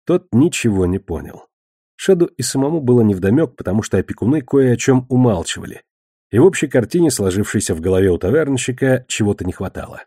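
Man reading an audiobook, mellow and dry. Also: mid-range voice, very animated, quick pace, husky, dry recording. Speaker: narrator. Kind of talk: audiobook narration.

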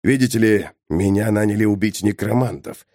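A cold hired killer talks in a low, hushed, measured way, as a man reads him. He sounds steadily threatening, an audiobook character with a dry, close sound. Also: no echo, close to an everyday voice.

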